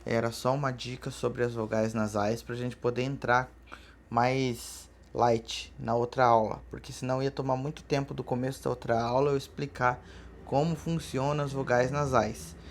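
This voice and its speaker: A man teaching an online language lesson in a relaxed, chatty way, often checking in with his students. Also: medium pitch, normal speed. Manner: relaxed, chatty, frequent filler tags.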